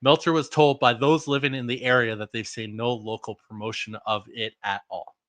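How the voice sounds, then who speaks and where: A man with a bright, forceful voice in casual podcast chat about wrestling news. He is blunt and profane, readily sliding into exasperated rants. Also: mid-range voice, flat delivery, brisk.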